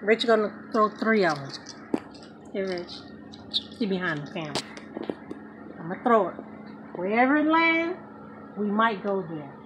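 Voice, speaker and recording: A woman in her forties co-hosting a casual road-trip vlog, talking to viewers in a relaxed, playful way. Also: medium pitch, a little slow, pauses often, background noise. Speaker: vlog co-host. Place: outdoor patio and garage of a home. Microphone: camera a few feet away.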